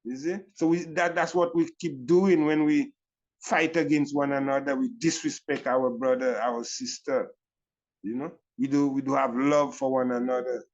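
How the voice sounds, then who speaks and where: A man's voice: medium pitch, steady tone, normal speed, dull audio. An older man with a Caribbean accent speaks as a Rastafari elder in a reflective reasoning style, repeating phrases and punctuating them with "you know".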